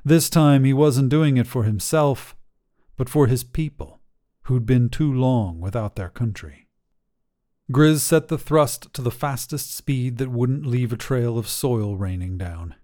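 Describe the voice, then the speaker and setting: Man, story podcast host, scripted narration, calm measured reading, mellow dark tone. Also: mid-range voice.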